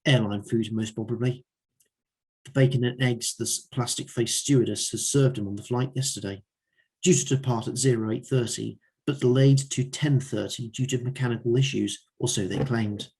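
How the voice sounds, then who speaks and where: Husky man reading his own story. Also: mid-range voice, steady tone, normal speed, darkish tone. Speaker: open mic reader.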